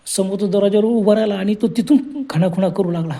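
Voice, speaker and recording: A man narrating a horror story in an unhurried, conversational way, often repeating himself. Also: sits high, gravelly, dark tone. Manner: unhurried, conversational retelling with repetitions.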